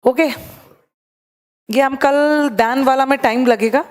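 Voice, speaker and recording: A woman teaches an English grammar class online. She explains each point step by step and mixes Hindi with English. Her voice sits a little high and has a long reverb trailing behind it. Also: takes it slowly.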